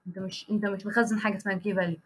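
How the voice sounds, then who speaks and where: A woman's voice: medium pitch, flat delivery, racing, husky. A young woman with an Egyptian Arabic accent teaching a live online programming class. She explains each step, often stops to check that students follow, and corrects herself mid-sentence as she types. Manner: frequent restarts and self-corrections while typing code. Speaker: programming instructor. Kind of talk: live online coding lesson.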